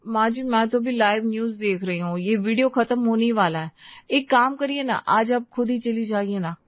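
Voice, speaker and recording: A woman's voice: a little high, normal speed, no room sound, lightly acted. A woman voicing a sweet but distracted young wife in a cartoon, chatty and pleading. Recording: dry, slightly dull lo-fi sound.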